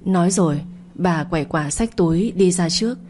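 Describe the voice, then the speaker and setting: A woman narrating an audio story with a steady storytelling delivery. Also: lowish voice, normal speed, soft background music.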